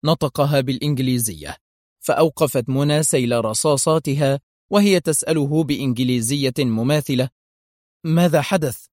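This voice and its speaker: A man's voice: mid-range voice, brisk, a little mellow, no echo. Male storyteller with a dry close voice. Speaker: narrator. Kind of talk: scripted audiobook narration.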